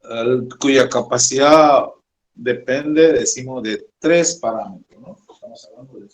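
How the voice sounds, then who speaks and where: A male electronics teacher giving a slow classroom lecture, talking haltingly and keeping up a steady stream of check-in tags. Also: medium pitch, slight background noise. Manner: slow, halting, keeps adding "decimos, ¿no?". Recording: echoey room.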